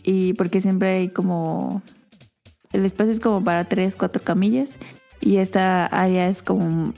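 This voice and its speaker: A woman tells a long anecdote on a podcast in a relaxed, chatty way. Her voice is mellow and warm, with soft music playing faintly behind her. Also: mid-range voice, unhurried, vocal fry. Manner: chatty, animated anecdote teller. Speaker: podcast co-host. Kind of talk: casual storytelling chat.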